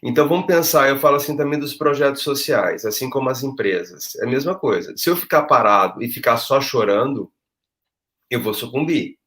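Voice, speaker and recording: A man's voice: mid-range voice, expressive, fairly quick, fairly bright tone. A man speaking as a guest, emphatic and acting out quoted thoughts. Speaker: guest, social project leader. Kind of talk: conversational discussion.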